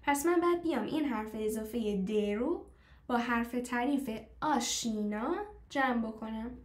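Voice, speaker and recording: Female teacher, slightly high voice, patient stepwise explainer who quizzes her class; echoey room. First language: Persian. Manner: explains step by step, asks the class questions; slows down to model foreign phrases. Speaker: language teacher. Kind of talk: live online class.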